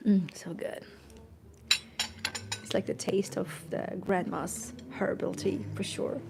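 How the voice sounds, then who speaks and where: A woman vlogger talks casually from a cozy garden café, thanking viewers and laughing often. Her voice has a gravelly, fry-tinged edge. The live-stream recording carries plenty of background noise. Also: mid-range voice, flat delivery, slow pace. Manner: chatty, grateful, laughs often, stumbles over words. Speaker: tour guide vlogger.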